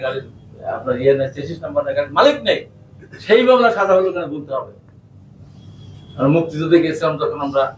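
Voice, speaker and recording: A man's voice: fairly high pitch, slight background noise. A man with a Bangladeshi accent giving an impassioned political rally speech into a public address microphone, leading the crowd in chants. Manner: impassioned, rising to shouted chants. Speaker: political speaker at a protest rally. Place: outdoor or hall rally. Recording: echoey, distant PA sound with faint ambience.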